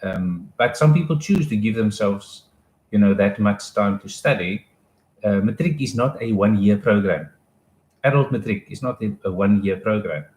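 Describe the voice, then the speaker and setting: A man's voice: fairly low pitch, expressive, moderate pace, a little mellow. Casual, echoey man. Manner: casual and explanatory, with restarts and asides. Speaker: education advisor. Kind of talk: live informational talk.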